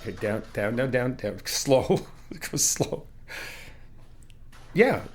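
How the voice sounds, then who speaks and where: Very animated yet slow-paced, this medium-pitched young man plays a friend pitching in to paint a new apartment for an ASMR roleplay. He keeps things relaxed and reassuring, laughing and teasing a lot.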